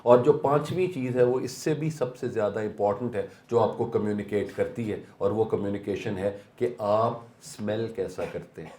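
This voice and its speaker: A man gives a motivational seminar talk in a low, mellow voice. He slips English phrases into his speech and asks the audience rhetorical questions. The sound is echoey, as in a hall. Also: few pauses. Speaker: seminar speaker.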